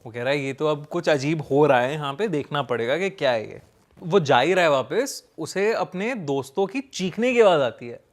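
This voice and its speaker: A man casually telling a ghost story, pausing with fillers as he builds suspense. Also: fairly high pitch, animated. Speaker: storyteller guest.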